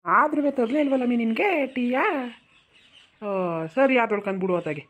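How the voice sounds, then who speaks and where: A woman's voice: a little high, lively intonation, moderate pace. A woman voicing a weary old village father-in-law in a cartoon, with a rural Mysore-region accent, pleading and placating. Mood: soothing. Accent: rural Mysore-region Kannada. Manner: pleading, placating, keeps saying hush.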